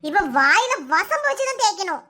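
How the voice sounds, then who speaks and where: A woman voicing a quick-tempered village woman in a cartoon, scolding with a Kanyakumari Tamil accent. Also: very high-pitched, very animated, full character voice. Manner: scolding, sharp-tongued.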